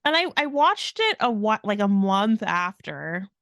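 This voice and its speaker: A woman co-hosting a podcast, telling events in a lively, casual way and imitating other people's voices. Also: medium pitch, measured pace, no room sound, studio quality. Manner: animated storytelling, mimics others' voices. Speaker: podcast co-host.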